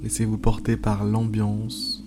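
A man hosting an improvised guided meditation, pausing often, repeating phrases and slipping into informal asides. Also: lowish voice, completely flat delivery, noisy background. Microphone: speaking into a microphone. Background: music.

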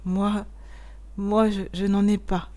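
A woman's voice: very high-pitched, fairly quick, voice pushed up. A woman voicing a small tearful boy who stammers and sobs as he speaks. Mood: sobbing. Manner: stammering, sobbing.

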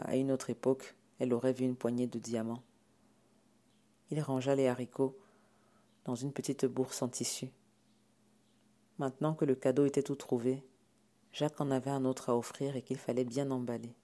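A man reading a comic story aloud in a wry, deadpan narration. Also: mid-range voice.

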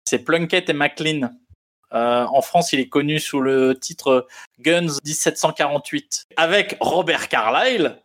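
A man's voice: on the high side, unhurried, fairly bright tone. A man co-hosting a casual film podcast, telling digressive anecdotes with many fillers. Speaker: podcast co-host.

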